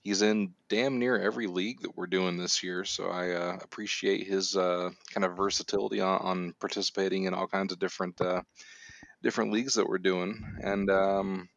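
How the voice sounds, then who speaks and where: A man's voice: low voice, fairly even intonation, moderate pace, vocal fry, a bit bright, no room sound. A man co-hosting a podcast, chatting casually with a hesitant, filler-laden way of talking. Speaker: co-host. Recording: dry, slightly dull lo-fi sound.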